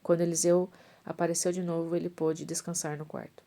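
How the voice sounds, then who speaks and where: Woman reading scripture aloud in a low, warm voice. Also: little pitch movement, brisk. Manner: reads with restarts and self-corrections. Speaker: Bible reader. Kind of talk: reading a Bible story aloud.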